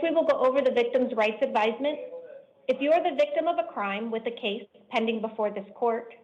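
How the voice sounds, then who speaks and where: A woman judge speaking in a measured, formal, deliberate way from the bench, heard on a courtroom recording. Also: on the high side. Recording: dull lo-fi courtroom stream.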